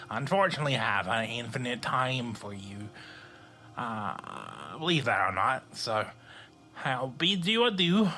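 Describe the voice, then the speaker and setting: A man playing a courteous, gentle young bellhop in an audio drama, explaining things a little haltingly. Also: medium pitch. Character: polite, gentle young male bellhop of a cosmic hotel.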